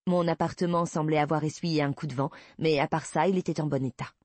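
A woman narrating a first-person novel, measured and soft at the ends of phrases. Her voice is slightly breathy and the recording is dry and close. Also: low voice, steady tone, no room sound. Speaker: audiobook narrator.

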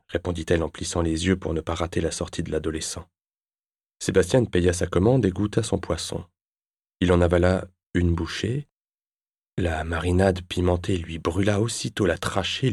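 A male audiobook narrator with a very deep, low voice. He reads in a measured, even storytelling manner. The sound is close and dry, with no room around it. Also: breathy edge, dry recording. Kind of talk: scripted narration.

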